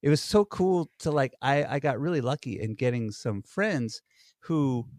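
A man's voice: medium pitch, expressive, moderate pace, darkish tone, no room sound, studio quality. A man co-hosting a podcast, telling stories in rambling casual chat full of fillers and restarts. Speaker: podcast co-host. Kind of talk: casual conversation.

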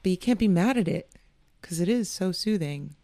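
A woman's voice: on the low side, animated, normal speed, dark tone, no echo. A young woman hosting a casual solo podcast, chatty and candid, often laughing and swearing. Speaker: podcast host.

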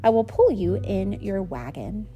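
A woman's voice: mid-range voice, lively intonation, measured pace, highs cut off, faint music behind, lightly acted. Raccoon, a cheerful friendly raccoon read by a woman. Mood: inviting. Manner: cheerful, inviting. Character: friendly, helpful male raccoon.

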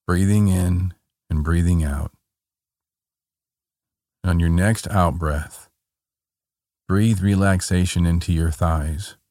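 A man guiding a body-scan relaxation in a calm, meditative tone, gently giving short soothing instructions. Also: low voice, slow pace, long pauses, no room sound, clean studio sound. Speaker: meditation guide.

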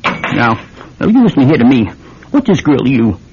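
A man's voice: mid-range voice, sing-song, moderate pace. Stern old father, radio drama, folksy, grudging, muffled with faint noise. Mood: stern, sour. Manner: gruff, terse, folksy.

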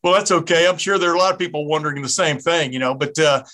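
Southern American male host, bright upper voice, casual rambling interviewer. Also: fairly high pitch, fast. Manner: rambling, chatty, many restarts. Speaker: podcast host. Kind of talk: casual sports podcast interview.

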